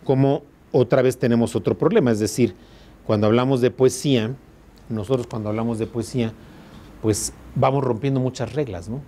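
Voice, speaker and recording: A man's voice: medium pitch, brisk, dark tone. Mexican man lecturing a class. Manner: explains patiently, checks understanding with constant questions. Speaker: law school teacher.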